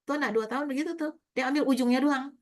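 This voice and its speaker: A middle-aged woman giving a classroom lecture to university students, talking to them directly and acting out little dialogues with children. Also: fast. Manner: lively, acts out child and teacher dialogue in a higher voice.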